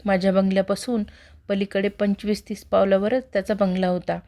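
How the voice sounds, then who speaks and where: A woman reading a horror story aloud in a steady, measured narrating voice. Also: medium pitch. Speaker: story reader.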